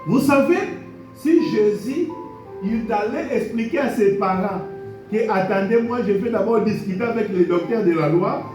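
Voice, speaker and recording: Over music, a male pastor with a high voice preaches at a moderate pace in a church hall. His sermon leans on repeated blessings and key phrases, and the congregation calls back amens. The recording sounds echoey and distant.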